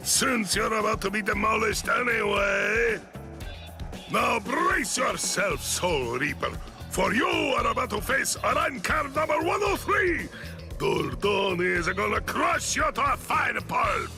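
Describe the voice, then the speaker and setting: An actor voicing a boastful, theatrical middle-aged warrior villain in an anime game dub, pompous and taunting. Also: male voice, high voice, very animated, measured pace, vocal fry, music in the background, exaggerated voice. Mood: boastful menace.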